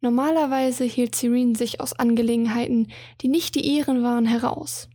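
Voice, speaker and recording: A woman reads a romantic fantasy story aloud with a calm, even delivery. Her voice sits high and has a breathy, husky edge. The sound is dry and close to the mic. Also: normal speed, no echo. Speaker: narrator.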